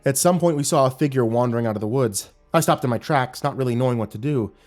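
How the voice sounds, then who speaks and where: Male horror narrator, mid-pitched, hushed creepy storytelling with suspense, music bed. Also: fast. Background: music behind the voice.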